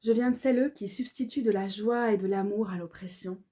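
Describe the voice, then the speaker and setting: A woman, calmly reading her own devotional poetry aloud in a measured, incantatory way. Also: mid-range voice. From Belgium. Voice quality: calm, measured, incantatory delivery.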